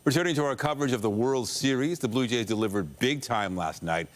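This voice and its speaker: A man anchoring a TV newscast in a steady, formal read. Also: mid-range voice, fairly quick. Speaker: news anchor. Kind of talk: scripted news reading.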